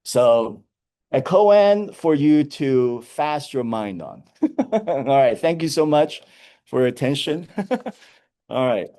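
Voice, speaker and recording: Animated man telling koans in a lecture. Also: medium pitch, slow pace, pauses often. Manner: animated storytelling, chuckles often.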